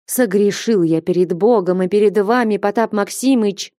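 Woman doing a timid guilty young clerk, faltering, slow, mellow, storybook. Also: mid-range voice, animated, no room sound, studio quality, pitched above the performer's own voice. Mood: pleading. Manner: faltering, pleading.

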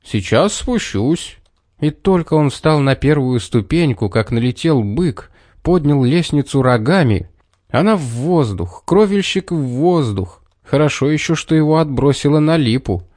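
A man reading a children's story aloud in an expressive way. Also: on the high side, normal speed, no echo, studio quality. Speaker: narrator. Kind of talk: scripted storybook narration.

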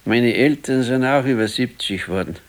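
An older man voices a sick, obstinate, brooding husband in a naturalistic radio play, sounding laconic and worn out. He speaks with a southern German, Bavarian accent in a natural, mid-range voice at normal speed.

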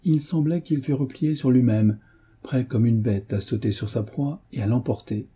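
Guy reading an old novel out loud, super husky and dark, takes his time. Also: mid-range voice, normal speed. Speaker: audiobook narrator. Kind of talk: scripted narration of a novel.

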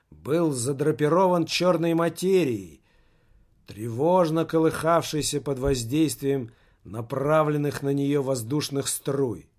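A man narrating an audiobook in a slow, measured way. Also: mid-range voice. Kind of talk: audiobook reading.

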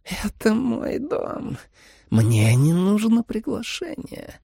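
A man voicing a cruel, seductive vampire mother in an audiobook, speaking slowly in a sweet, menacing croon. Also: high voice, wildly swooping pitch, vocal fry, dark tone, breathy edge, no echo, clean studio sound, pitched above the performer's own voice, heavily acted. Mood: crooning menace.

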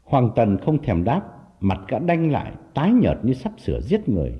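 A man narrating an audiobook ghost story in an expressive storytelling manner. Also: medium pitch, normal speed. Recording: slightly dull audio, faint music behind. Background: faint music.

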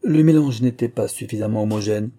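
A man voicing a calm young male chemist, level and matter-of-fact. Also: on the low side, brisk.

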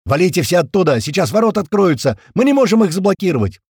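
Man doing a frantic yelling technician. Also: medium pitch, fairly quick, dry recording, studio quality, voice pushed up, natural voice. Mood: panicked. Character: panicked male radio technician.

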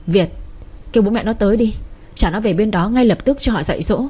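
A woman voicing a harsh, proud older mother-in-law who scolds fast in a shrill voice. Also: dark tone, breathy edge, natural voice. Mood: angry scolding.

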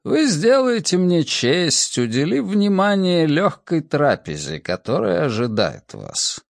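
Man reading as frail old rich man, slow drawn-out words, grand, lively pitch, dry audiobook sound. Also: vocal fry, no room sound, exaggerated voice. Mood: grand, modest. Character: old frail rich male benefactor, hunched.

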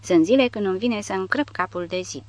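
A man reading the part of a nervous condemned cavalry prisoner who asks quiet, pressing questions in an audiobook. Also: high voice, voice pushed up, lightly acted. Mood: uneasy.

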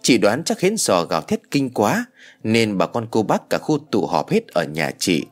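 A male narrator tells an audio story in a lowish, animated voice with plenty of melody. His delivery is expressive, and faint music plays behind him. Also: normal speed. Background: soft background music.

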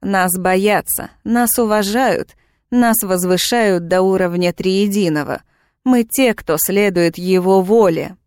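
A woman's voice: a little slow, a little mellow, no echo, clean studio sound. Woman voicing a pompous fanatic male jailer. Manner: pompous, hissing, shrill when angry.

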